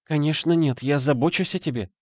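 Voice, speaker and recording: Grieving mother, pleading and emotional, raised pitch, dry audiobook read, voiced by a man. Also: fairly quick, darkish tone, dry recording, close to an everyday voice.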